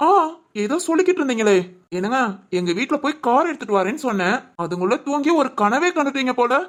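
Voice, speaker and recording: A woman voicing a gentle young husband who soothes and teases his wife in a village family drama. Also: high-pitched, expressive, quick pace. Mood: soothing. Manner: soothing, teasing. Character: gentle reassuring young husband, loving and playful.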